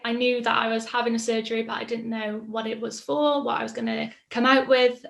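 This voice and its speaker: Speaking fairly quickly in a gravelly, slightly high voice, this Mid Wales woman in her twenties recounts her own story as a patient. Her delivery is flat, relaxed, and reflective, with frequent ums.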